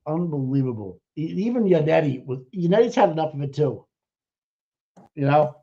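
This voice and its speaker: A man co-hosting a casual chat, excitable and profane, rambling with restarts. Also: a little high, a little fast. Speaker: co-host. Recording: muffled lo-fi stream audio.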